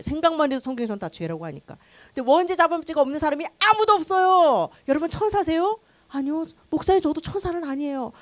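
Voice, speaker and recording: A woman pastor teaching a new-member church class in an animated, conversational way, acting out quoted voices. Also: sits high, no room sound.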